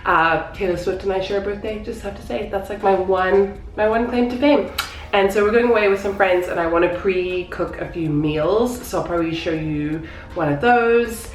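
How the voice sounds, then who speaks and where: A woman's voice: medium pitch, moderate pace, few pauses. A woman in her thirties chatting casually in a home vlog, rambling and self-deprecating, with a stuffy, nasal voice as if her nose is pinched. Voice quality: congested, pinched nasal sound. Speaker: vlogger, mother of young children.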